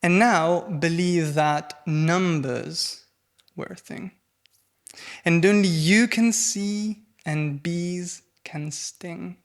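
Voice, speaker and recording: Very slow, deliberate young man reading poetry. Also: high voice. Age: young adult. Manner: very slow, deliberate reading that trails off to near silence. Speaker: postgraduate student reading a poem. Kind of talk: poetry recitation.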